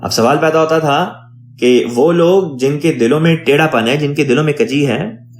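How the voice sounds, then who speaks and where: A man, an imam, teaching a Quran translation lesson, reading Arabic phrases and explaining each one in a measured teaching tone. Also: a little high, echoey room.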